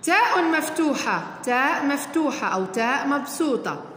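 A woman's voice: sits high, expressive, normal speed, a bit bright. A woman teacher, explaining a worksheet step by step and encouraging her fourth-grade pupils. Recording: echoey room with long reverb, faint noise.

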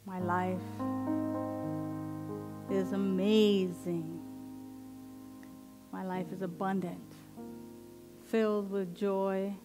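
A woman minister leading a guided affirmative prayer in slow, deliberate, meditative phrases with long pauses. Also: mid-range voice, flat delivery, over music. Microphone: headset microphone.

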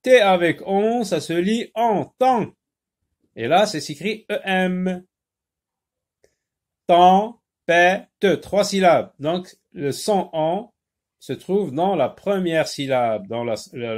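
A man teaching a phonics lesson to young children, speaking slowly and deliberately and repeating each word to stress its sounds, recorded on a phone he holds in his hand. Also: sits high, expressive, a little mellow. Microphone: handheld phone.

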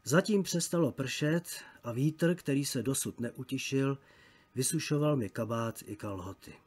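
A man reading a travel story aloud as an audiobook narrator, measured and literary. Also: medium pitch, a little mellow, husky.

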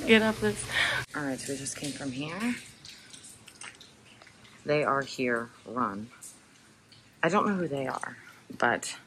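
A woman's voice: rumbling low, noisy background. A young woman vlogging as she explores an abandoned hospital, chatty and laughing often, recorded on a handheld camera. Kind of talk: casual vlog narration.

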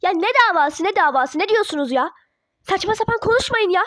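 A woman's voice: very high voice, expressive, brisk, fairly bright tone, dry recording. A woman voicing a defiant teenage girl who argues with her parents in a toy-app role-play drama. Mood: indignant. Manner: indignant, argumentative.

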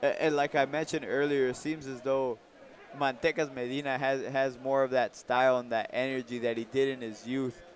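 A man's voice: mid-range voice, little pitch movement, normal speed. A man giving casual live boxing commentary.

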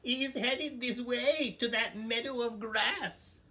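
A man voicing a tiny, timid male billy goat in a read-aloud picture book, squeaky and pleading. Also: slow, sharp tone, exaggerated voice.

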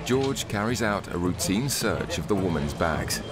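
A man narrating a documentary in a measured, scripted voice-over. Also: deep voice, very animated. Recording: studio voice-over with loud music behind.

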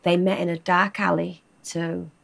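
A woman's voice: on the low side, little pitch movement, creaky, fairly bright tone, full character voice. An actress playing a witty, bossy young woman on a video date in a game. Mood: playful. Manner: brisk, bossy, teasing. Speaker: dating-game character. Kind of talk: scripted video-date acting.

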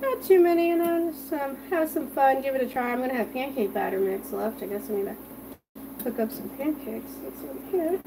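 Frying food in her kitchen at home, a livestream host who is an adult with children chats casually with viewers and reads their comments aloud. She speaks briskly in a high voice against a noisy background.

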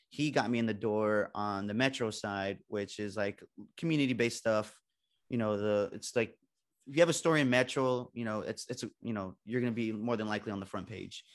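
A young man from San Antonio tells students about his start as a reporter. He sounds casual and likes to laugh at himself, and he acts out the people he quotes. His voice sits at an ordinary middle pitch. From San Antonio, Texas. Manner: chatty, self-joking, acts out quoted people. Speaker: guest speaker, TV reporter. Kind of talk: casual talk to a student audience.

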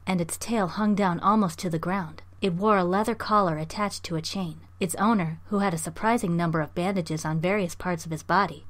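A woman reviewing a novel and reading passages from it aloud in a measured, clear narration. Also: on the low side. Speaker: book reviewer and reader.

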